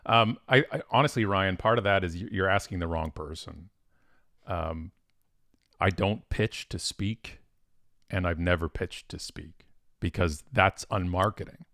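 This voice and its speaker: A low-voiced man chatting on a live stream, recorded close and dry with no room sound. He talks in an animated, off-the-cuff way, full of fillers and quick restarts, and breaks into sudden excited peaks. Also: no echo. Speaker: professional speaker.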